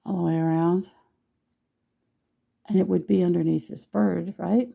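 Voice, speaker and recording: A hoarse woman with a gravelly voice, chatting casually and teasing herself while she teaches a painting tutorial. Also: lowish voice, steady tone, measured pace, mellow, highs cut off. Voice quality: gravelly, husky voice. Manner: chatty, self-deprecating, thinks aloud while painting.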